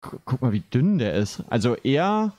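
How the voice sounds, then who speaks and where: Lively joking man giving reaction commentary. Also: medium pitch, moderate pace. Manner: laid-back, joking, laughing at the clip. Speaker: streamer reacting to a clip.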